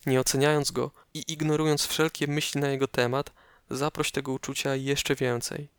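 A man narrating a guided meditation slowly and calmly, giving measured instructions with pauses, close up as if right in your ear. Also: mid-range voice, clean tone, no room sound.

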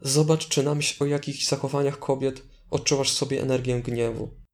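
A man leading a guided meditation as instructor, speaking in a calm, deliberate way with gentle prompts. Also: mid-range voice.

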